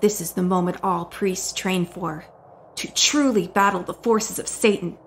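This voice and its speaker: A woman narrating a dramatic horror story from a script, often dropping into hushed whispers. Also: fairly low pitch, a little slow, a little hiss or hum.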